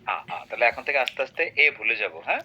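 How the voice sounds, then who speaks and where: A man teaches a grammar class in a very bright, forceful voice. He keeps quizzing his student with quick tag questions. The recording is dull and lo-fi. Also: medium pitch, very animated. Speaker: English teacher.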